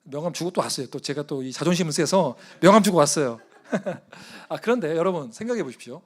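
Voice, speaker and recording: A man preaching at a church service, in a conversational, animated storytelling style. His voice sits somewhat high for a man, and it swings between soft, low asides and louder, excited moments. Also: fairly quick. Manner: animated, conversational, often chuckling. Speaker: guest missionary preacher. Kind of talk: sermon with personal storytelling.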